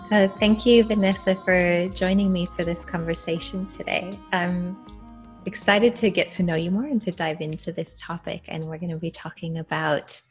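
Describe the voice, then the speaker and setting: A woman hosting a podcast, introducing her guest and the interview in a gentle, measured, caring way. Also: on the low side, slightly rough. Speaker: podcast host.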